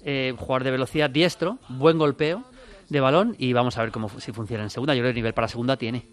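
Fast-talking football pundit man. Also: mid-range voice, fairly even intonation. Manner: fast, rattles off names and results. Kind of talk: radio sports chat.

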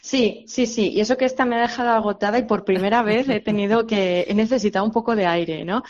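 A woman novelist answering interview questions, speaking haltingly with many restarts and fillers. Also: medium pitch, a little mellow. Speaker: novelist guest. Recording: slightly dull lo-fi line.

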